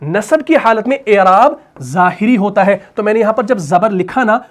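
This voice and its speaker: A male teacher explaining Arabic grammar in Urdu with a Pakistani accent. He asks questions and answers them himself, and at times recites Quran verses slowly. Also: high-pitched. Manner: repeats questions and answers them himself, adds "bhai" and "theek hai na". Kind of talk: explaining grammar while writing on a board.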